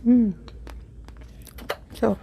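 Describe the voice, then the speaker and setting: A woman hosting an eat-with-me video, chatting casually in an unhurried, halting way as she thinks aloud. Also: warm tone. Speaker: mukbang video host. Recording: faint background noise.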